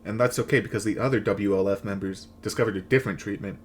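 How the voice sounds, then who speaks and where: A man's voice: fairly low pitch, fairly even intonation, quick pace, heavy background noise. A man delivering a scripted comedic rant as host, with sarcastic, crude, slangy jokes. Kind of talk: comedic rant recap of a video game, scripted narration.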